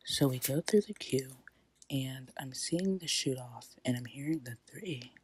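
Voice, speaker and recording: A young woman narrating a voice-over in a hushed, dramatic whisper. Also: very deep voice, normal speed, slight background noise. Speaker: vlogger.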